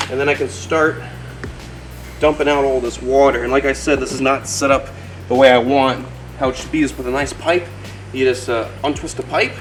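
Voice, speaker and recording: A man's voice: a little high, rough recording. Upbeat man vlogging over background music. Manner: upbeat, informal, talks to viewers and animal. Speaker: wildlife video host. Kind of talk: casual explanatory vlog. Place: outdoors at animal enclosures. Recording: music under outdoor speech.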